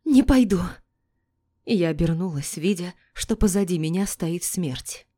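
A woman's voice: on the low side, steady tone, normal speed, warm tone. A woman reading a dramatic first-person story as narrator.

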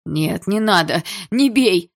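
A man's voice: a little fast, vocal fry, a little mellow. A woman voicing a frightened, whiny teenage schoolboy with a nasal voice. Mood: panicked. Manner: pleading, shrill.

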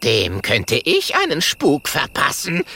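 Grumpy skinny ghost lady as a male reader puts her on, cutting croaky voice, higher, slow, swinging pitch, storybook. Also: wildly swooping pitch, pushed and bright, a little hiss or hum, full character voice. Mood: scornful. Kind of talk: storybook reading.

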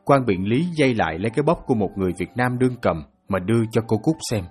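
A man narrating a novel for an audiobook in a steady, even storytelling manner. His voice sits low and carries a husky grain. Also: fast, soft background music.

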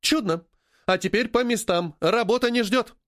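A man performs a stern woman who runs a fashion house, barking commands like a drill sergeant in a commanding mood. He pitches his voice higher than his own, though it stays close to an everyday voice, at normal speed. The recording is dry and studio quality.

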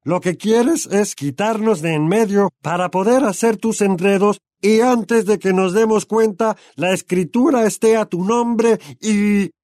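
Guy putting on a loud bossy uncle, pushed way up high, slow shouty drawl, audiobook. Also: dry recording, clean studio sound. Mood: bellowing angry. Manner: shouting, drawn-out and overbearing. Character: blustering bullying middle-aged uncle, bellowing. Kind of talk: audiobook character voice.

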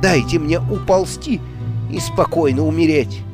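A man voicing a blustering grown man who shouts his way through a staged sword duel, loud and theatrical. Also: a little high, unhurried, lightly acted. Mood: mock dying. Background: music.

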